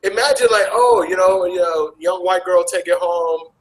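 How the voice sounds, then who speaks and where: A man with an American accent, talking casually as an interview guest, animated and jumping sharply in pitch. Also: normal speed, roomy sound, poor audio. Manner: animated, with big jumps in pitch. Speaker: interview guest, travel vlogger. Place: Asia.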